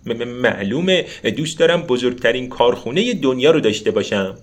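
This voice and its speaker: A man's voice: medium pitch, lively intonation, close to an everyday voice. A man voicing a frightened grown man who stammers in a children's story. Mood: anxious. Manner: stammers when nervous. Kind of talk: storybook narration.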